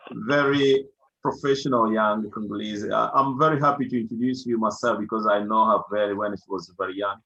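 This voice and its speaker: A man's voice: medium pitch, bright, forceful tone. Man hosting a community video call. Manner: switches between English, Lingala and French. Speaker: community group host. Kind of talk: casual online meeting hosting. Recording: dull lo-fi video call audio.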